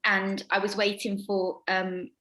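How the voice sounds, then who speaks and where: A young actress telling backstage stories in an interview, rambling with lots of ums and hesitations. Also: female voice, flat delivery, measured pace, bright, forceful tone. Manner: rambling with many ums, acts out quoted lines in a high voice. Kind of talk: casual anecdote-telling.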